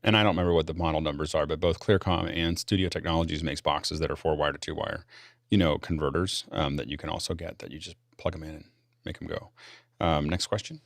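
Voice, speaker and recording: A man with an extremely low, gravelly voice hosts a casual tech Q&A. He talks quickly and off the cuff. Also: steady tone, no echo, studio quality. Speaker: host of a panel show.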